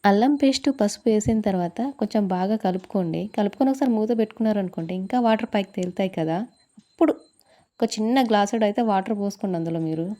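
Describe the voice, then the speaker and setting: A woman's voice: medium pitch, fast, dark tone. A woman, a mother, chatting through a casual cooking vlog in a small kitchen, often asking viewers questions. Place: small hot kitchen room.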